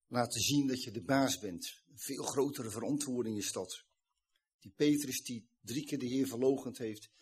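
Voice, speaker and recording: A man with a slightly husky, breathy voice delivers a sermon. He retells a scripture scene in an earnest, explanatory way, at a moderate pitch for a man. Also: darkish tone. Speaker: preacher.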